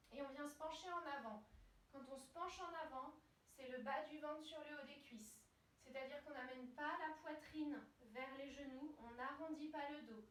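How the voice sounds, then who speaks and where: A soothing female yoga teacher with a high voice guides a gentle class one cue at a time. She speaks slowly and with measured care. The sound is roomy and echoing. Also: a little hiss or hum. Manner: soothing, measured step-by-step cueing. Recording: roomy echo, distant from mic.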